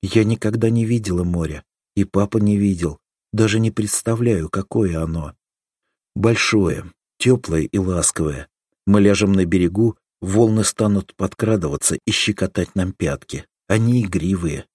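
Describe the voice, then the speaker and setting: A man reading the part of an affectionate, teasing young village girl in an audiobook, lifting his voice into a bright pleading lilt. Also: low voice, normal speed, dry recording, clean studio sound. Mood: tender.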